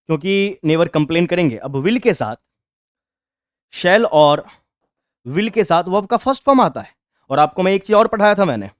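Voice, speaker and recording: A man teaching English grammar for an exam-prep class. He explains step by step and reads the English sentences slowly, with an Indian English accent. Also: on the high side, dry recording, studio quality. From Bihar, India.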